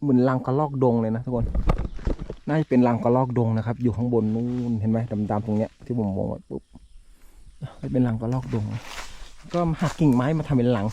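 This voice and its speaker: A man's voice: medium pitch, brisk, dark tone, lo-fi sound. A Thai man narrating a casual outdoor vlog, chatting politely and directly to his viewers as he walks through a forest. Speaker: forest vlogger. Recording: outdoor forest noise with insects.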